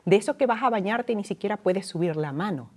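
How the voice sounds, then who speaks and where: A woman scientist on a talk show, recounting her own experience earnestly, her voice dropping soft and low. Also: animated, fast talker. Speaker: guest, scientist. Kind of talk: personal testimony in a talk show.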